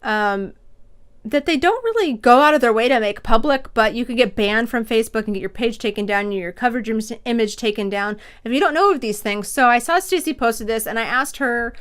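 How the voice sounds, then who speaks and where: An excitable woman hosting a podcast, talking to her guest in a loose, chatty way. Her voice sits a little high and sounds smooth and clear, and she gushes with bubbly enthusiasm. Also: fairly quick. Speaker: podcast host. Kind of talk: casual interview chat.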